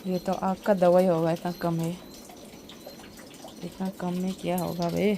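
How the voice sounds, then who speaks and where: In a noisy handheld home vlog, a woman with a Northeast Indian accent chats casually with viewers, moving between the inside of her village home and the yard. Her voice is on the low side and gravelly with a warm tone, and her delivery is flat and unhurried.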